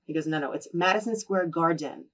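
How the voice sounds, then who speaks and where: Recorded on a distant mic, this deep-voiced woman from New Jersey talks fast while telling casual stories in a sit-down interview. As a guest, she brings her stories to life by acting out the quoted dialogue.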